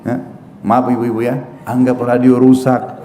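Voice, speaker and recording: A man's voice: mid-range voice, measured pace. Preacher man in an echoey hall. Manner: humorous, animated storytelling with quoted voices. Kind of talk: religious lecture. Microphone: handheld or stand mic. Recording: echoey hall with faint noise.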